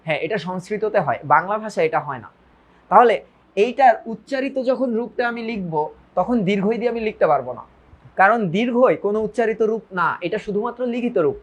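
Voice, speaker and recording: A man's voice: sits high, animated, fast. A male tutor teaches a grammar lesson to his students. He often repeats his phrases and puts questions to his listeners. English words slip into his talk. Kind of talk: online lecture.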